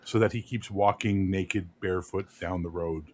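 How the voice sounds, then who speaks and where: A man's voice: sits low, steady tone, moderate pace, slight background noise. A man chatting as a player in a tabletop game, blunt and joking. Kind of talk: casual tabletop game chat.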